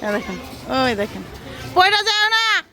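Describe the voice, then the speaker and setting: Chatty high-voiced woman vlogger. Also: very animated, moderate pace, a crowd in the background. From Bangladesh. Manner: chatty, folksy, talks to viewers and family as she films. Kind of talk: casual chat to camera.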